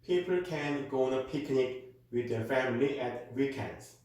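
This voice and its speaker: A man's voice: medium pitch, darkish tone. Korean-accented male tutor in an echoey room. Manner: slow, careful delivery for learners. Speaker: IELTS speaking tutor. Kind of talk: reading model exam answers aloud.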